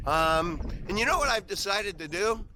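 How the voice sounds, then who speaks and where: On poor audio with a bit of hiss or hum, a man in his fifties with a Midwestern American accent vlogs while walking outside. He's animated and jokey, rambling and restarting often, with a high, sharp voice at normal speed.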